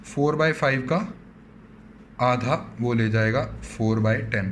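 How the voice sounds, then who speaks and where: A man's voice: medium pitch, slow pace, a little hiss or hum. A man teaching an online accountancy lesson with an Indian accent, talking to his students as "बच्चों" and voicing their questions back to them. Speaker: commerce teacher.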